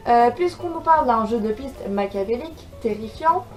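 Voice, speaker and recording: A woman's voice: a little high, animated, normal speed, recorded from a distance, soft background music, low-quality recording. Chatty, eager young woman vlogger. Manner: chatty and eager, with frequent filler words. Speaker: book vlogger. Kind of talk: casual chat.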